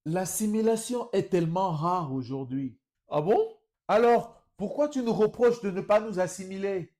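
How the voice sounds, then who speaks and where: A man's voice: high voice, normal speed, warm tone. A man commenting on video clips in a mocking tone, speaking straight to his viewers. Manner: mocking, addresses viewers as brothers. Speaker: political commentator.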